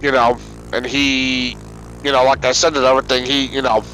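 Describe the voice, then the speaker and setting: A man's voice: medium pitch, level tone, normal speed, pushed and bright, slight background noise, rough recording. A man guesting on a gaming stream, telling stories in casual chat, rambling with many fillers and frequent laughs.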